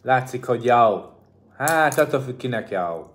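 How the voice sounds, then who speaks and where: A man's voice: mid-range voice, lively intonation, a bit bright, a little hiss or hum. A man co-hosting a casual livestream, speaking Hungarian with an English-tinged accent and joking as he answers viewer comments, sometimes with English phrases. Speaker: livestream co-host.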